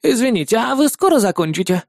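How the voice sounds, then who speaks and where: A man's voice: very high-pitched, big pitch swings, fast, creaky, a little mellow, dry recording, clean studio sound, voice pushed up, exaggerated voice. A man voicing chatty, nosy old grannies stuck in a cable car, speaking in a prying, fussy way.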